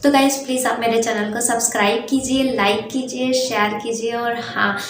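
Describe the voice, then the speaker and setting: Young female tutor with a high voice, recorded in an echoey room, patient and repetitive. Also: fairly even intonation, moderate pace, background noise. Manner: patient, repeats each meaning, tags lines with "theek hai". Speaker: English teacher on her channel. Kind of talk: casual Hindi lesson on English words.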